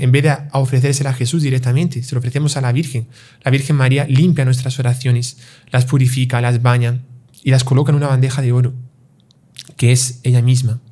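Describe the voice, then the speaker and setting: Calm, mellow-voiced priest explaining. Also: male voice, medium pitch. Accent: Spanish-speaking. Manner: calm, measured, teaching with parables and rhetorical questions. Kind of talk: explanatory religious talk.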